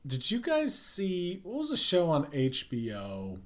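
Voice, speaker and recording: A man's voice: fairly high pitch, wildly swooping pitch, unhurried, a bit bright. A man chatting casually on a podcast, rambling with lots of ums and restarts. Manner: rambling, many fillers. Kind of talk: casual chat.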